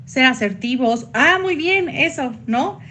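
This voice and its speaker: A woman psychologist giving a workshop online, chatty, with sudden high jumps when she acts out quoted voices. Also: expressive, takes it slowly, sharp tone, a little hiss or hum.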